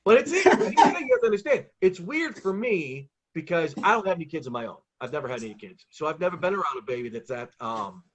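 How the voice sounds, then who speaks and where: A man's voice: fairly high pitch, big pitch swings, fast, hardly any pauses, slight background noise. A man doing a stand-up monologue of punchy jokes, told as conversational stories with acted-out exchanges in an exasperated, self-mocking way. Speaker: touring road comic.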